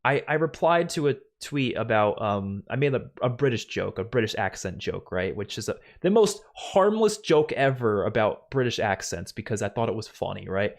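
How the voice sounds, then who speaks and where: A young adult man with a light New York accent hosts a home live stream, answering viewer questions in an animated, easygoing way, swearing and laughing a lot. His creaky voice moves at a moderate pace with hardly any pauses. He's close on a studio boom mic, wearing headphones, in a small room.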